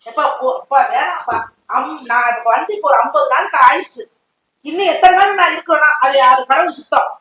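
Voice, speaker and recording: A high, bright, fast voice of a quarrelsome older housemate. She scolds and argues without pause. The room has a clear echo. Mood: weary. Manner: scolding, argumentative. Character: bossy older woman housemate, Sarathamma.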